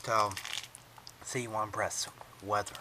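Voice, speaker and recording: In a noisy setting, a man with a lowish voice talks at an unhurried pace in a level tone. He's a radio collector showing off his gear in a casual unboxing vlog, rambling while he handles the device and dropping plenty of "so" and "uh."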